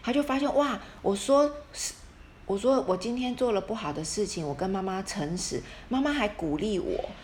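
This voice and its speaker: A woman's voice: medium pitch, animated, moderate pace, a little mellow, slight background noise. A mother telling a parenting story in casual conversation, acting out quoted dialogue and often restarting her sentences. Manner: retells scenes with quoted dialogue, frequent restarts. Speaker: mother sharing parenting experience.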